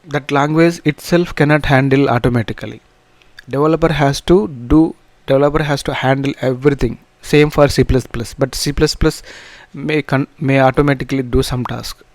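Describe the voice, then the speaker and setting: Male tutorial instructor, Telugu accent, halting informal explanations, mid-pitched voice, dry recording. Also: steady tone, no room sound. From south India. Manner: halting, repetitive phrasing with broken restarts. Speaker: programming instructor.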